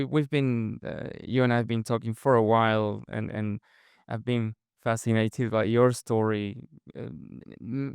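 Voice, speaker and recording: A man's voice: medium pitch, creaky, smooth, no echo, clean studio sound. A man moderating a conference panel, introducing guests with many fillers and restarts. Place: conference stage.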